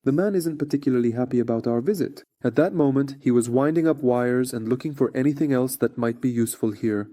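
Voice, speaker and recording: A man's voice: mid-range voice, fast talker, few pauses, mellow, slight background noise. A man narrating a scripted frontline report as a war correspondent.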